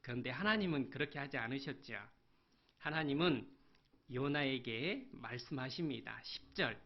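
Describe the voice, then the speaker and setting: A male pastor preaching a sermon, animated and often asking the congregation questions. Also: mid-range voice, moderate pace. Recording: dull lo-fi sermon recording.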